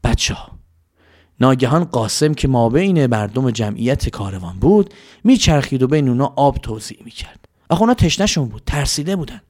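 A man narrating a story calmly to children. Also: medium pitch. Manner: calm, addressing children.

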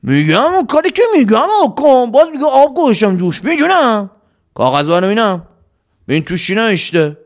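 A man voicing a gruff, greedy bandit leader who barks orders loudly. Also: high-pitched, very animated, pitched above the performer's own voice. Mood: bossy. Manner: loud, barking orders.

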